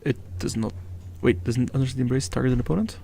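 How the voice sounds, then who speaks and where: Man, gravelly voice, live card game commentary, analytical and jokey, faint background hum. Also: mid-range voice, fast talker, dark tone. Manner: analytical, chatty and joking. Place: event venue.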